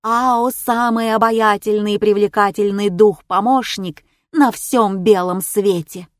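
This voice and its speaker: A woman's voice: mid-range voice, fairly even intonation, measured pace, no echo, clean studio sound, lightly acted. A woman voicing a boastful male spirit helper. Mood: reassuring. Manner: urgent, pleading. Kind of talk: audiobook character voice.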